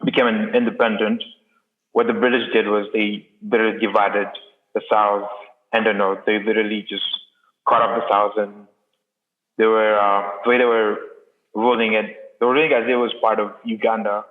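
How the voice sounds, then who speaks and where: A man's voice: lowish voice, little pitch movement, moderate pace. A young man from Sudan, a student, answering interview questions in a hesitant, casual way with many restarts. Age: young adult. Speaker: interview guest. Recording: echoey, phone-like audio.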